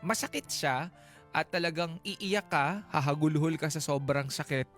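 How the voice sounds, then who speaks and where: On a studio radio advice show with music in the background, a Filipino-accented man co-hosts in a fairly bright voice on the high side, at normal speed. He chats casually and emphatically in playful Taglish code-switching, leaning on rhetorical tag questions.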